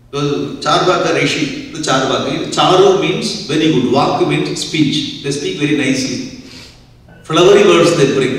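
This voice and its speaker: Swami lecturing in a booming echoey hall. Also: male voice. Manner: explanatory, keeps checking that listeners follow. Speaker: swami teaching scripture. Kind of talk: religious discourse lecture. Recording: echoey hall, far from mic.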